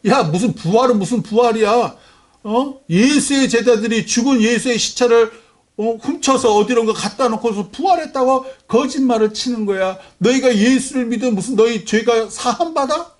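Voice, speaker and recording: A man's voice: very high voice, normal speed, pitched above the performer's own voice. A man voicing a scornful Roman man who jeers at believers with taunting questions. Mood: mocking.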